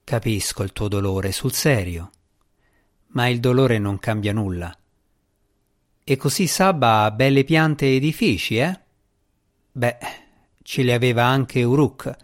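A scornful, boastful djinni in a boy's form, dripping mockery and theatrical sarcasm, as a man reads him in an audiobook. His mid-pitched voice swings up into sneering jibes. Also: unhurried, lightly acted. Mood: sardonic. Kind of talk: audiobook character reading.

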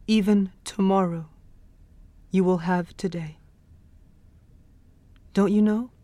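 A poet speaking softly, then reading a poem aloud in a measured way with long pauses. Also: male voice, high voice, dry recording. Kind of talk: poetry reading.

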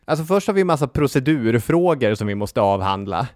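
Male podcast co-host, casual history chat, wry asides, mid-pitched voice, dry close recording. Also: sing-song, darkish tone, dry recording. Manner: conversational, dry jokes and quoted passages.

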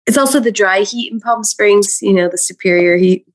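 A woman's voice: medium pitch, normal speed. A woman from California chatting casually as co-host, laughing often and teasing the others. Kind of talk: casual chat.

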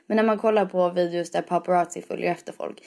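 Creaky-voiced young woman chatting. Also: on the low side, steady tone, warm tone. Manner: code-switches between Swedish and English, acts out quoted voices. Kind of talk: casual chat.

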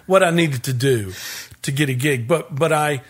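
A man in his fifties, a guest musician, telling stories in a relaxed interview with frequent laughs and restarts. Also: medium pitch, moderate pace, husky. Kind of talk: casual interview storytelling.

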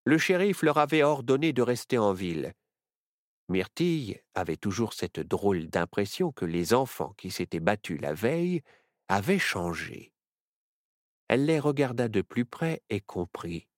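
A storyteller reading a children's adventure story aloud with expressive narration. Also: mid-range voice, no echo, clean studio sound.

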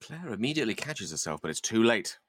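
A man's voice: lowish voice, big pitch swings, quick pace, fairly bright tone, a little hiss or hum. A man reading stage directions in a script read-through, dropping in casual asides.

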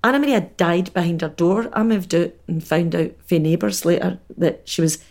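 A Scottish woman who works in drama and storytelling, telling anecdotes in an animated way during a casual conversation. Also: on the low side, normal speed.

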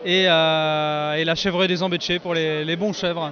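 A man's voice: on the high side, level tone, normal speed, pushed and bright. A man who makes cheese and charcuterie platters, interviewed at an outdoor festival, speaking earnestly and enthusiastically with some fillers. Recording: muffled lo-fi recording outdoors.

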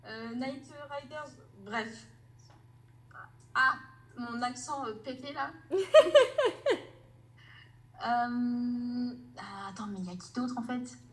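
A woman's voice: fairly high pitch, steady tone, slow pace, pauses often, fairly bright tone, low-quality recording. A woman author as a podcast guest, rambling casually and often stopping to search for names.

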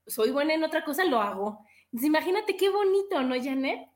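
High, enthusiastic woman host. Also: big pitch swings, a little fast. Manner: enthusiastic, encouraging. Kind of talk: casual chat.

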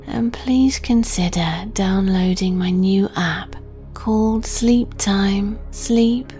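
A woman narrates a guided sleep meditation very slowly over background music. Her mid-range voice is soft, breathy, gentle and soothing, and her delivery is deliberate.

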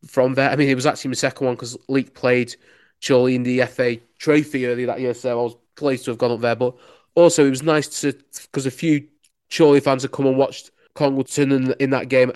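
This young adult male, a sports reporter on local radio, has a Lancashire accent and a smooth, mid-range voice with a slight mellowness. He chats eagerly through casual interview answers, saying "you know" again and again.

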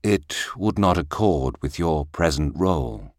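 A man voicing a calm, firm old minister. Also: rumbling low, a little slow, dry recording, studio quality. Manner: quiet, firm, patient. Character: wise calm older male royal minister.

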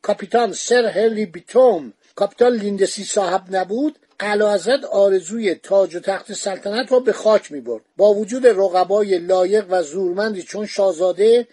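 A man's voice: sits high, few pauses, mellow, no room sound. A man hosting a history podcast, telling the story in a conversational, digressive way with frequent fillers.

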